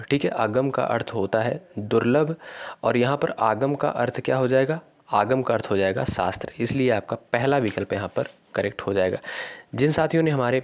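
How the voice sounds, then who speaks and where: Guy running an exam quiz lesson, reads the questions slow and repeats them, mid pitch. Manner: repeats questions slowly, stretches words, keeps saying "friends". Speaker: teacher.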